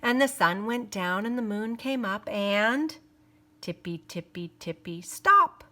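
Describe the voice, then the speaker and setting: Expressive and sharp in tone at a medium pitch, a woman teacher reads aloud from a picture book. She pauses to add lessons and whispers playfully to heighten the suspense.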